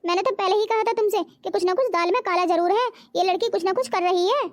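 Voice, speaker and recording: A woman's voice: extremely high pitch, fast, no room sound, studio quality. A woman voicing a gossiping, needling young sister-in-law in a cartoon. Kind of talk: cartoon voice acting.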